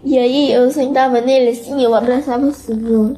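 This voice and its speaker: A teenage girl giving an emotional testimony in an interview, speaking earnestly and haltingly and repeating words over and over. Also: high voice, steady tone, dark tone, slight background noise.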